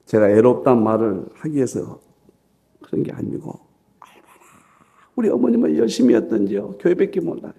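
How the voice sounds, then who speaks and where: A middle-aged male pastor preaching a sermon and telling a personal story with strong emotion, swinging from loud exclaiming to hushed whispers. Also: mid-range voice, sing-song, brisk, gravelly, long pauses. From South Korea. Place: church dawn service.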